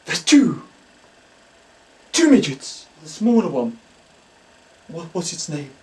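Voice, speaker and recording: A man playing a hammy spoof psychic medium who speaks in halting, dramatic whispers and gasps in a comic mock documentary. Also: on the high side, big pitch swings, recorded from a distance. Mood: excited. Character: hammy male stage psychic, breathy and theatrical.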